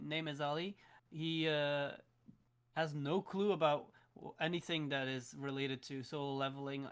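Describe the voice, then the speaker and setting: A man's voice: a little high, fairly bright tone, clear, resonant tone. A man playing in a tabletop game, describing his character hesitantly, stopping and restarting often. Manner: hesitant, full of fillers and restarts. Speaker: player. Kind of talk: casual tabletop game chat.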